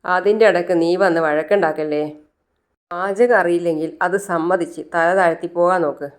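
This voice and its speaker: A woman's voice: fairly low pitch, steady tone, a little fast, close to an everyday voice. A woman voicing a firm old grandmother who scolds a grandson, in her own voice. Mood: scolding.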